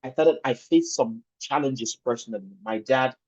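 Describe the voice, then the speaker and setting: Over muffled, lo-fi audio from an online video call with screen sharing, a Nigerian-accented man in his thirties talks about himself in an informal webinar. He speaks at normal speed in a breathy, mid-range voice, keeping things conversational and rephrasing for emphasis as he tells his personal story.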